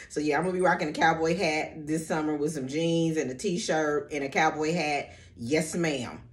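Woman vlogger, upbeat casual haul chatter, keeps saying so good and love this. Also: low-pitched. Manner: chatty, addresses viewers as ladies; enthusiastic, repeats so good and love this. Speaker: fashion vlogger.

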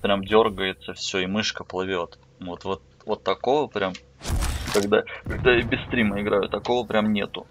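A man streaming a game with casual, offhand commentary. His voice is fairly low and gravelly, delivered in short reactions, with clear noise from the game behind him. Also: level tone, moderate pace. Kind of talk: casual live gameplay commentary. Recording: noisy stream with game sounds.

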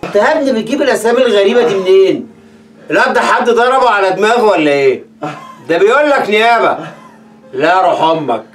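A menacing police interrogator with an Egyptian accent, played by a man, his voice set fairly high. He moves from soft, mock-gentle coaxing to harsh threats, heard from a distance over background music. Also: expressive, quick pace. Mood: threatening. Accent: Egyptian Arabic. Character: menacing male police officer interrogating a prisoner. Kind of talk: Egyptian web drama acting. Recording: distant mic with music underneath.

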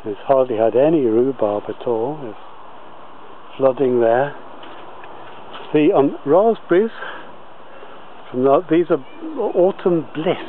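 A medium-pitched man gives informal commentary while filming a tour of his allotment, often pausing mid-sentence. He holds the camera himself, so the audio is muffled and lo-fi with outdoor noise.

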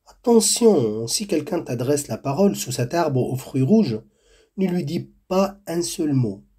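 A man voicing a kind, lonely old village woman in a storybook tale, who gently gives warnings. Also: a little high, big pitch swings, unhurried, slightly rough, full character voice.

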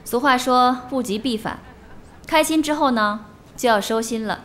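An actress playing a strict high school teacher who sternly lectures her class in a TV drama. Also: normal speed, a bit bright, a little hiss or hum, lightly acted. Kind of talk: TV drama acting.

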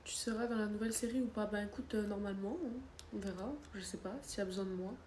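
Fast and darkish in tone, with medium pitch and fairly even intonation, a young French livestreamer with a cold chats from her living-room sofa. She reads comments aloud and answers them casually. Shot on a phone at arm's length, the audio has a roomy echo and faint hiss.

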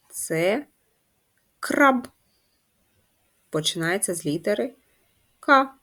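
A woman teacher giving a first-grade handwriting lesson, patient and instructive, spelling out letters and sounds one by one. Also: lowish voice. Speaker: primary school teacher.

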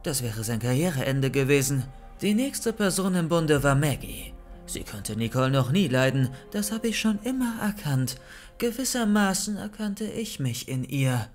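A cold, mocking young woman villain from a horror audiobook, read by a man. She gloats in a fairly high voice over faint music. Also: very animated, normal speed. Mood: cold gloating.

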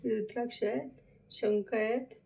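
A woman's voice: a little high, steady tone, a little slow, gravelly, warm tone. A woman vlogging casually at home, showing things around the house and coaxing her pets in a sing-song baby-talk voice.

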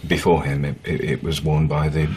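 An actor playing an awkward, hesitant seller who speaks haltingly with many ums, in a gravelly voice. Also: male voice, very deep voice, level tone. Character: awkward hesitant male seller, middle-aged. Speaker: seller of music memorabilia. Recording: noisy background hiss.

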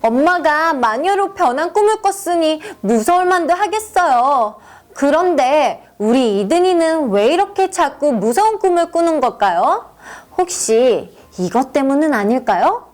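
A woman's voice: high voice, animated, a little slow. A woman narrating a children's story, asking the listeners questions in a sing-song manner.

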